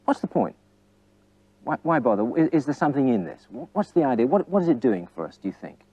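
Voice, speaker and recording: Man, tennis coach, on court, counts hits aloud, lively pitch, muffled old recording. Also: fast, breathy edge, no echo. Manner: coaxing questions with tag questions. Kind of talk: on-court teaching demonstration.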